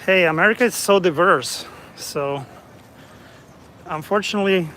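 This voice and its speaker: A man from Romania casually narrating a walking tour of city streets as an independent reporter, chatty and relaxed. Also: high-pitched, moderate pace. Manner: relaxed, chatty, remarks on passersby. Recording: outdoor street noise behind.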